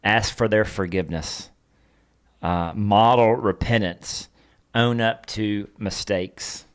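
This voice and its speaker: A man who is a pastor, co-hosting a casual conversation and leading a lesson in a measured way, walking through numbered points. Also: lowish voice, fairly even intonation, smooth. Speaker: pastor and podcast co-host.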